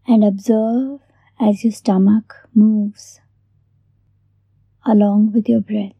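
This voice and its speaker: A woman hosting a guided meditation in a soft, breathy near-whisper, gently giving unhurried instructions with long pauses. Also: mid-range voice, little pitch movement, no room sound, dull audio. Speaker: meditation host.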